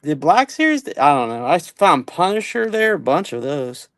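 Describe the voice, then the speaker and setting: A man's voice: a little high, sing-song, normal speed, a bit bright, dry recording. A man in a casual chat who talks in an easygoing way and trails off mid-thought.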